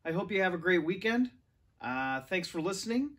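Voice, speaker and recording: Reading a children's novel aloud, a man of roughly forty sounds very animated, with a high, slightly bright voice at a moderate pace. He's indoors in a large furnished living room, recorded from a few metres away on a camera or phone.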